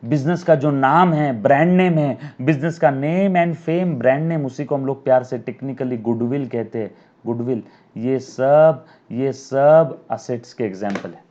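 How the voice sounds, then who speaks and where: A man teaching accounting on camera, dictating terms slowly and repeating them so students can write along. His voice is mellow and dark, heard through a slightly dull, lo-fi recording. He keeps checking in with "yes or no?" and calls the students his children. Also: mid-range voice. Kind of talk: recorded video lecture. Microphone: camera mic.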